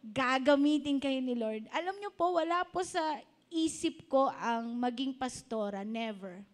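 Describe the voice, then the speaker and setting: A woman's voice: sits high, expressive, a little slow. A woman in her fifties giving an earnest, personal testimony sermon in a church, switching into English now and then. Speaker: preacher.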